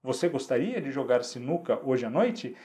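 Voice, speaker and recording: A Brazilian man teaching an English lesson online, speaking Portuguese and repeating English phrases slowly and clearly for students to follow. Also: medium pitch, big pitch swings, dark tone.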